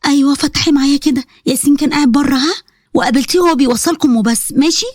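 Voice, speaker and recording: A woman's voice: sits high, rapid-fire, a little mellow, no echo, studio quality, lightly acted. A woman doing a teasing Egyptian mother. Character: middle-aged mother, teasing and protective. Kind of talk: storybook voice acting.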